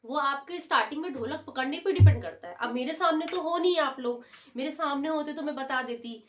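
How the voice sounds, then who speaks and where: A woman with a high, slightly quick voice teaches the dholak online, explaining patiently. She counts the beats aloud, repeating them loudly as she drums, and the dholak can be heard behind her voice.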